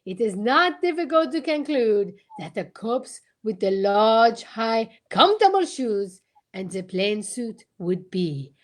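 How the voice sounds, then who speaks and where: A woman performs the role of a self-assured Belgian gentleman detective from an old radio mystery, her voice sitting high with big pitch swings. The manner is courteous, theatrical, and unhurried, sprinkled with French, and the tone stays calm and knowing.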